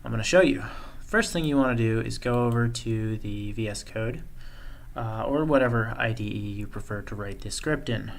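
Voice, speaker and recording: A man presenting a coding tutorial, thinking aloud in a relaxed way as he walks through code on screen. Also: lowish voice, normal speed, vocal fry. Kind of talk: screen-share coding walkthrough.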